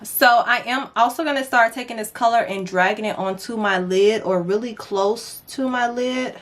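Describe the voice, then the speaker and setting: A woman's voice: a little high, moderate pace, a bit bright. Chatty young woman doing makeup. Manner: chatty, playful asides, addresses viewers as y'all. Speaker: beauty vlogger. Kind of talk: casual makeup tutorial chat.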